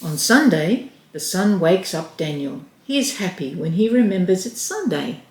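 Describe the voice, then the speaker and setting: A woman reading a children's picture book aloud as storyteller, in a gentle, clear way. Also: lowish voice, very animated, moderate pace. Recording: roomy echo.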